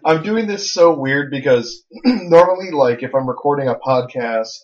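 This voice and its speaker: A man's voice: medium pitch, expressive, normal speed. A man co-hosting a podcast in joking, easygoing chat, talking into a phone. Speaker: podcast co-host. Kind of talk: casual chat. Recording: lo-fi phone-mic recording.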